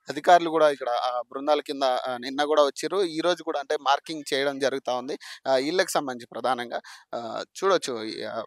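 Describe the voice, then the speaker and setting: A man, a street reporter asking probing questions and giving halting commentary. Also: a little high, fairly bright tone, dry recording, studio quality. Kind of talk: field reporting.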